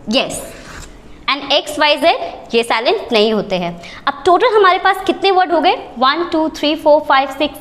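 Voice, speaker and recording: A woman's voice: high-pitched, a bit bright. A woman teaching an English lesson at a board, spelling out letters one at a time and asking questions she then answers herself. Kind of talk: whiteboard lesson.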